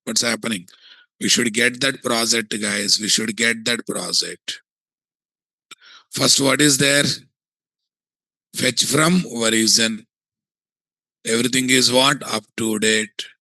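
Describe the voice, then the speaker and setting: A man with a Telugu Indian English accent giving a software tutorial, thinking aloud and often asking questions that he answers himself. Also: medium pitch, takes it slowly, creaky, pauses often, no room sound, low-quality recording. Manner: asks and answers his own checking questions.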